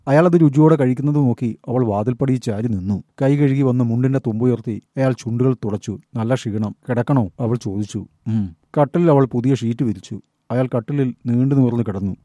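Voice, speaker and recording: A man reads a short story aloud in calm, measured narration. His voice is very dark and mellow, and the recording is dry and close-miked. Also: medium pitch, no echo. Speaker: story reader.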